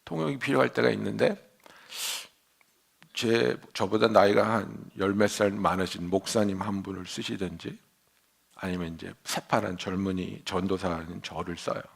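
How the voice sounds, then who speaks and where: A man pastor preaching a sermon, telling stories with hushed whispers and loud bursts. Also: deep voice, moderate pace, creaky, breathy edge. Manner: animated storytelling preacher, swings from hushed whispers to loud exclamations. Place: church sanctuary.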